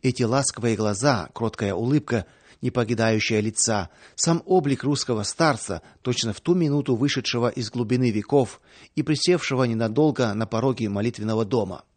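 A man reading a story aloud in a calm, even audiobook narration. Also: mid-range voice, fairly quick, dry recording.

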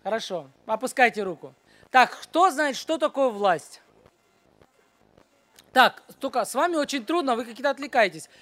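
A woman teaching at a children's church, running a brisk Bible quiz and then a short sermon, and she keeps hushing the noisy group. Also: high-pitched, lively intonation, no echo.

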